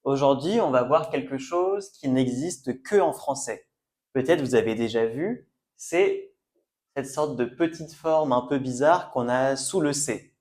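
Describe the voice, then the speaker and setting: A man teaching a French pronunciation lesson, slowly repeating each word for learners. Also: medium pitch, a little mellow. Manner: slow, careful, repeats words for learners. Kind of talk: language lesson at a whiteboard.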